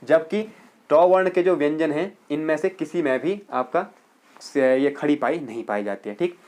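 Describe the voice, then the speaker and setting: A male teacher giving a grammar lecture for exam students, explaining step by step, checking in often and slowly repeating words to show how they are pronounced. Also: a little high, a little mellow.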